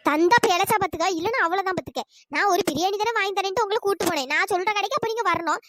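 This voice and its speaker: Here a squeaky, rapid voice, shifted in pitch, brings to life a cartoon village woman who overpaid at a hotel. Sharp-tongued, she wails and complains as she scolds.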